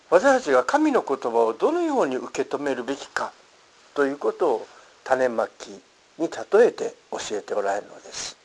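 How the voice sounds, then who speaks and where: A man preaching a sermon, reading scripture and explaining it in an earnest, emphatic manner. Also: rough recording. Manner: earnest, emphatic preaching with lively pitch swings. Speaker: pastor.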